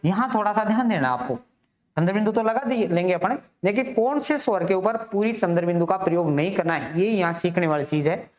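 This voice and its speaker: A man's voice: high voice, animated, a little fast. A man teaching a grammar lesson for exam students. He asks the class questions, answers them himself, and repeats the key terms. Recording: echoey room.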